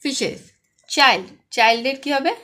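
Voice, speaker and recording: A woman's voice: high voice, normal speed, bright, forceful tone. A woman with a West Bengal accent teaching an English lesson to young children, posing questions and answering them herself. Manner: asks pupils questions and answers them herself, stresses each word. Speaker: primary school English tutor.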